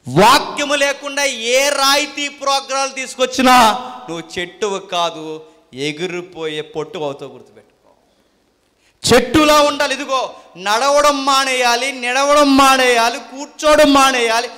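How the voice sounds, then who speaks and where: Brief: male preacher, very high voice, fiery and scolding, long hall reverb. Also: normal speed, pushed and bright. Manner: fiery, scolding, rhetorical questions to the congregation. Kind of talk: sermon.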